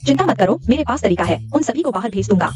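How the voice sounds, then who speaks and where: A woman's voice: fairly high pitch, expressive, fast, over music, close to an everyday voice. A woman dubbing an eager, scheming young wife who talks in a conspiratorial way. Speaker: daughter-in-law. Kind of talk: dubbed drama acting.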